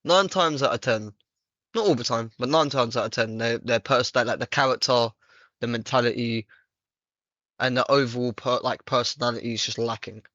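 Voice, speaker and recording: A man's voice: mid-range voice, moderate pace, bright, forceful tone, no room sound. Earnest young man on a dull, dry mic. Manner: earnest, reflective, casual slang. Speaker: podcast host. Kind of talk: casual chat.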